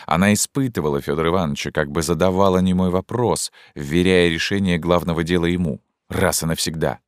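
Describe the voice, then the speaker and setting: A male audiobook narrator with a very low voice gives a measured, even reading of literary prose. The recording is dry and close, with no room sound. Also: no echo.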